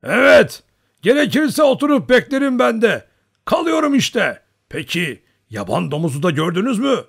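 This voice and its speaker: A man voicing a huge, bearded old male Cossack hunter who shouts in a loud, hearty voice. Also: high-pitched, big pitch swings, moderate pace, gravelly, slightly rough, pitched above the performer's own voice, exaggerated voice. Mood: jovial pleading.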